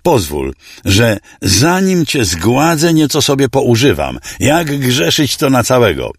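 A man's voice: mid-range voice, sing-song, slow pace, breathy edge, no room sound, clean studio sound, pitched above the performer's own voice, heavily acted. A man voicing a cruel, greedy young nobleman who speaks coldly and with menace in an audiobook story. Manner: cold, sneering, menacing.

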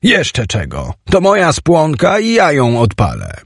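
A stubborn young schoolboy shouts in a lifted, husky voice, played by a man narrating. The recording is dry and close, with a gravelly texture underneath. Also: fairly high pitch, big pitch swings, measured pace, dry recording, pitched above the performer's own voice, heavily acted.

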